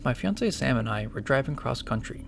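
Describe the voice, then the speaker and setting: A man's voice: medium pitch, very animated, a little fast, gravelly, background noise. A man playing a nervous, deferential young apprentice investigator in an audio drama, hesitant and apologetic. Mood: hesitant, reporting.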